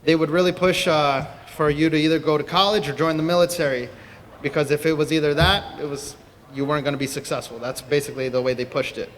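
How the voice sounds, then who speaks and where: A man's voice: a little high, steady tone, fast talker, a bit bright, slight background noise. Young man telling his story in a hall. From Peru. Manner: earnest, storytelling with fillers. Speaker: speaker at a convention. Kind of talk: personal talk to an audience. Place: convention hall. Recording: distant mic in a reverberant hall.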